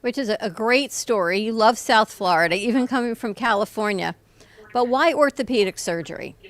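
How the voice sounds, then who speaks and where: A woman hosting a radio interview, asking questions in a friendly, brisk way. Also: fairly high pitch, lively intonation, dry recording. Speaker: radio host.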